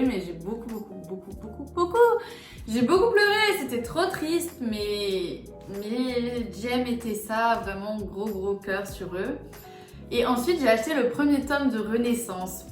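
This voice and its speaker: A young woman with a fairly high voice chats about books in a casual vlog. She is animated, moving between hushed asides and excited outbursts. The room sounds echoey, with faint music under her. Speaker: booktuber.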